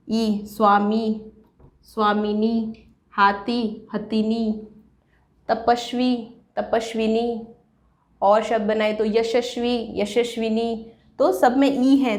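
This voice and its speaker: A woman's voice: on the high side, darkish tone. A woman teaching a Hindi grammar lesson, explaining step by step and asking and answering her own questions. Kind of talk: classroom-style online lesson. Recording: echoey room.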